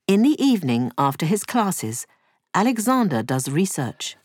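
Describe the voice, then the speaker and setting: A woman narrating a cartoon story in a scripted, clear storybook manner. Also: lowish voice, very animated, moderate pace, darkish tone, no echo, clean studio sound.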